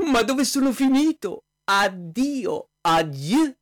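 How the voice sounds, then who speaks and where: A man's voice: very high voice, sing-song, slow pace, a bit bright, heavily acted. A man voicing a snobbish, haughty aristocratic prince in a comic fairy tale. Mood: disdainful. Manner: pompous, haughty, dithering. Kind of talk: comic storytelling with voices.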